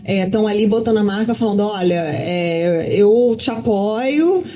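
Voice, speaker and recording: Guest journalist, woman, mid-pitched, mellow tone, talkative storytelling. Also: measured pace. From Rio de Janeiro, Brazil. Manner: talkative, lots of fillers and restarts. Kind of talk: casual interview chat.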